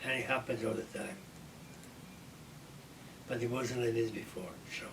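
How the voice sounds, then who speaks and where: An older man, interviewed as a husband, makes wry, joking complaints about his marriage in a casual chat. His voice is medium-pitched, creaky and fairly even, at normal speed. The mic is distant and background noise is loud.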